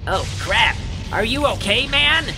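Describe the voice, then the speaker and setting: A man's voice: very high-pitched, big pitch swings, measured pace, voice pushed up, heavily acted. Goofy chummy voice, man doing it. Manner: jokey, sing-song. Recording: music underneath.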